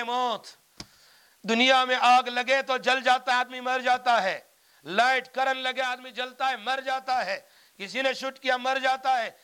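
A man's voice: extremely high pitch, pushed and bright, clear, resonant tone. A man preaching a Quran commentary sermon, reciting Arabic verses and explaining them with emphatic repetition. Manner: emphatic, repeats phrases.

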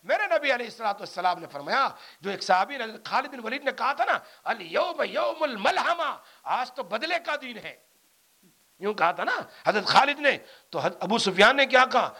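A man giving an animated sermon of Quran commentary, rising to loud, emphatic peaks. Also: very high-pitched. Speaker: preacher.

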